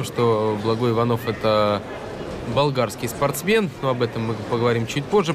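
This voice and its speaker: A man from Russia giving live MMA commentary in halting phrases. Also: medium pitch. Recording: loud crowd and venue noise behind.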